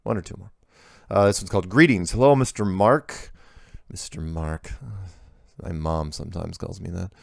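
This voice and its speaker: A low-voiced middle-aged man with a gravelly edge works through viewer emails and comments on them in a relaxed, offhand way. The recording is dry and close, with almost no room sound. He sounds like a regular host chatting to his audience. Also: moderate pace, pauses often, no echo. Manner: easygoing, reads letters aloud and comments offhand.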